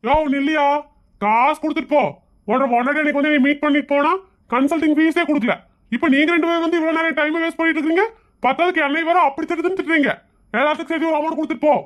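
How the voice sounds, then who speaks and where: Comedy skit: man as touchy, self-important bungling lawyer, high voice, quick indignant delivery. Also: fairly even intonation, a bit bright. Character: pompous, touchy bungling lawyer, easily offended.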